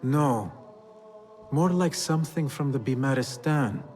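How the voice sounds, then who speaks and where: An actor playing a sceptical, level-headed young assassin with a dry, understated manner in video game dialogue. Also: male voice, medium pitch, animated, unhurried, a little mellow, natural voice.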